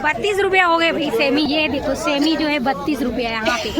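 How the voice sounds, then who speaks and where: A woman's voice: high-pitched, a little fast. A woman with a Chhattisgarhi accent giving casual running commentary, repeatedly pointing things out to viewers. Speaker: market vlogger. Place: outdoor vegetable market. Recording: loud busy market crowd, outdoors.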